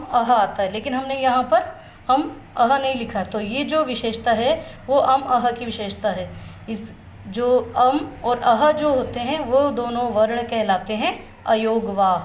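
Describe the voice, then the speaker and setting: A woman teaching a lesson in Hindi, asking her students questions and answering them herself, and reciting each vowel sound slowly and carefully. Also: high voice. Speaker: Sanskrit teacher. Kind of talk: classroom-style video lesson. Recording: echoey room with faint background noise.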